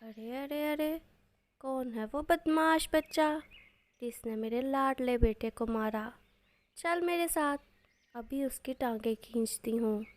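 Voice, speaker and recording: A woman voicing a hot-tempered, protective mother animal in a cartoon story, quick to scold. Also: high-pitched. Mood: indignant. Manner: angry, scolding.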